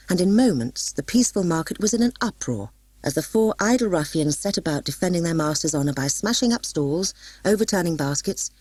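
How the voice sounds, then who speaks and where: A woman narrates a scripted storybook for an audiobook in a deep, husky voice, delivering it in a dramatic, expressive way. There is no room sound.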